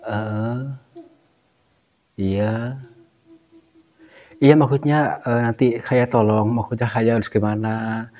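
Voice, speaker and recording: Hushed man hunting ghosts. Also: fairly low pitch, fairly even intonation, slow, long pauses. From Cilacap, Central Java. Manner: hushed and cautious, talking to an unseen spirit. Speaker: vlog host, ghost hunter. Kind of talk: casual running commentary. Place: inside a cave.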